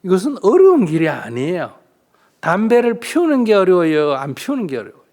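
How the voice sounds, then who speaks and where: Lively monk teaching. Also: male voice, sits high, a little fast. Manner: lively rhetorical questions, acts out little dialogues. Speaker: Buddhist monk answering questions. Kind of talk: Buddhist dharma talk, question and answer.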